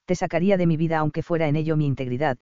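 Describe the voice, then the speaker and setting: A man voicing a fierce medieval highland warrior in an audiobook, stern and commanding, speaking low and measured. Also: warm tone, smooth, dry recording, highs cut off, natural voice. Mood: quiet. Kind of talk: audiobook character reading.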